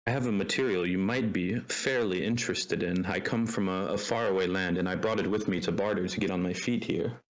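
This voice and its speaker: A man voicing a male traveler from a faraway land who tries to sell a pile of leaves with a persuasive sales pitch. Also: brisk, hardly any pauses, rough recording. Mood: friendly. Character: smooth-talking male traveler peddling leaves.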